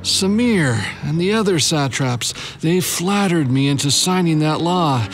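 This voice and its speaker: A man's voice: fairly high pitch, lively intonation, a little slow, soft background music. An actor playing a vain but kindhearted ancient king, regal and hesitant, in a theatrical Bible drama. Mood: troubled, regretful.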